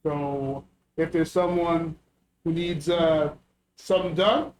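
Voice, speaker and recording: A man's voice: a little high, fairly even intonation, slow pace, darkish tone, low-quality recording. A man playing a tabletop game, speaking casually in character with terse, repeated phrases. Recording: faint background noise.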